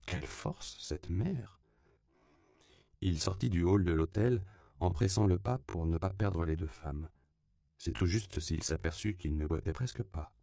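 A man reading a novel aloud in a measured, sober narration. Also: low-pitched, vocal fry, warm tone, no room sound, studio quality. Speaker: audiobook narrator. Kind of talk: scripted narration.

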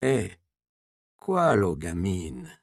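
A man's voice: deep voice, huge pitch swings, very slow, creaky, no room sound, studio quality, full character voice. A man doing a drawling old peasant woman. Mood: defiant.

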